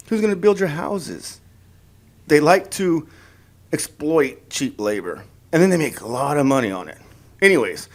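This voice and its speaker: A man ranting in a political opinion vlog, heated and sarcastic, stumbling over and repeating his words as he mocks the people he disagrees with. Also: a little high. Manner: heated and sarcastic, mocking voices of opponents; repeats words and restarts often. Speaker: political vlogger.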